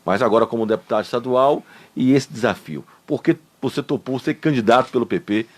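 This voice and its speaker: A man's voice: mid-range voice, a little fast. A man hosting a radio interview, speaking in a chatty, conversational way. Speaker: radio show host.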